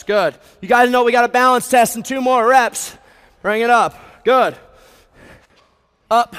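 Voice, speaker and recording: Smooth, bright and high-pitched, this twenty-something American fitness instructor hypes up a group workout in gym-bro fashion. Wearing a headset in an echoing brick warehouse gym, he gives cues and countdowns while pushing through the exercise himself.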